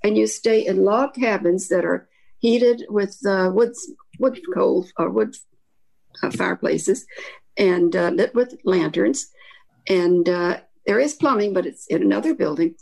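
Telling stories in a wandering, thoughtful way, this interview guest is an older author and academic from Kentucky's Appalachia with a light regional accent. She speaks a bit slowly in a mid-range, slightly mellow voice with vocal fry.

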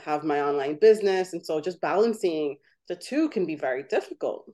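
A woman's voice: low-pitched, animated, brisk, dark tone. A woman in her thirties hosting a podcast, chatty and laughing often, with lots of "like" fillers. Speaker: podcast host. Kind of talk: casual podcast chat.

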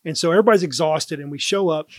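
A man with a slightly higher-than-average voice tells a work story in a loose, chatty way, full of "like" and "um". The sound is close and dry, with no room around it. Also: very fast, no room sound. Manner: relaxed anecdote teller, lots of "like" and "um". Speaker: first responder guest. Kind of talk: casual storytelling on a podcast.

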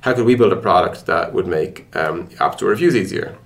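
In a casual podcast interview, a tech product executive with a deep voice explains things conversationally, feeling his way toward his words. He speaks in an animated manner at a fairly quick clip.

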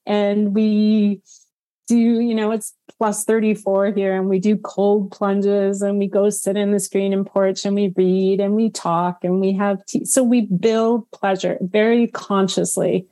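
A middle-aged woman farmer talking in a relaxed interview, reflective and unhurried, with frequent "um"s. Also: mid-range voice. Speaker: guest homestead farmer. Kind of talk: casual conversational interview.

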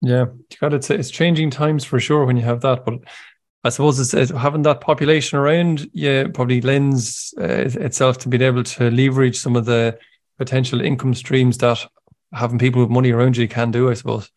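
A man's voice: mid-range voice, level tone, a little fast, darkish tone. A man interviewing in a conversational way, thinking aloud in roundabout sentences. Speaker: interviewer, host.

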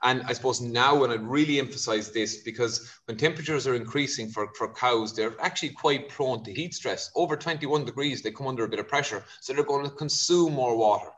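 A man with a west of Ireland accent from Kerry speaks as an expert guest. His voice sits at a medium pitch. He explains in a conversational, informal way, dropping in small asides as he goes. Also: fairly quick, hardly any pauses, a bit bright. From County Kerry, Ireland.

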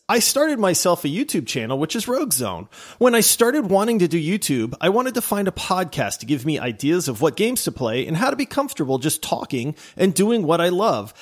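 A man co-hosting a casual gaming podcast, enthusiastic and stumbling over restarts as he reads listener reviews. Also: on the high side. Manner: enthusiastic, trips over names, restarts often. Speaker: podcast co-host.

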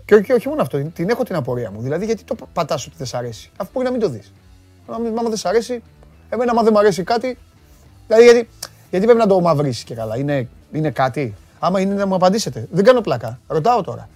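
A man hosting a live stream, greeting viewers and reading their comments in a playful, teasing way with sudden loud bursts. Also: high-pitched, very animated, no echo, faint music behind. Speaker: host.

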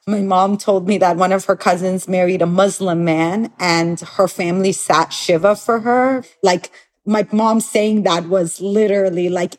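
A woman's voice: mid-range voice, darkish tone. A woman in her forties, a guest telling her family story in an earnest, reflective way. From born in Iran, raised in Los Angeles. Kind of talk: personal storytelling.

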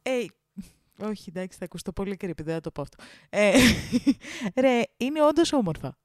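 A woman from a Greek Ionian island, co-hosting a podcast in casual chat, animated, slangy and laughing often. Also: mid-range voice, no echo, studio quality. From Greece, Ionian island. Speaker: podcast co-host. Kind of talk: casual chat, reading a listener story.

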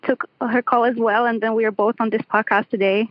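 A woman's voice: fairly high pitch, flat delivery, brisk, dry recording. A woman calling in to a podcast, heard over a phone line and talking hesitantly with many fillers. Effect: caller heard over a phone line. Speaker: caller to a call-in podcast.

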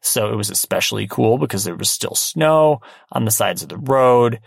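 A man co-hosting a casual podcast, talking in a relaxed, wry way with plenty of restarts. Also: fairly low pitch, moderate pace, gravelly, breathy edge, no room sound, studio quality. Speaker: podcast co-host. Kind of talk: casual chat.

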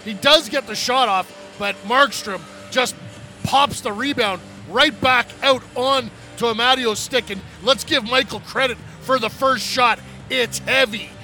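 A man's voice: very high-pitched, measured pace, bright, forceful tone, soft background music. A man working as colour commentator, explaining hockey plays conversationally in live sports analysis. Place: arena broadcast booth.

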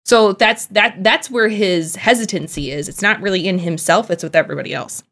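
A woman's voice: medium pitch, fairly quick, fairly bright tone. A woman co-hosting a casual podcast, thinking aloud in a thoughtful, analytical way with many fillers and restarts. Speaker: podcast co-host.

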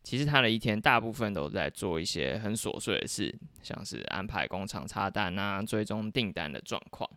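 A man's voice: on the low side, bright, forceful tone, no room sound, clean studio sound. A man with a Taiwanese accent, hosting a podcast and explaining things in a casual, conversational way. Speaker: podcast host.

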